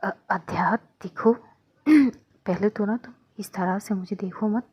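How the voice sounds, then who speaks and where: A woman voicing a worried, caring young woman who coaxes in soft, half-whispered speech. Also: mid-range voice, slow, a little hiss or hum, lightly acted. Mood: soft coaxing.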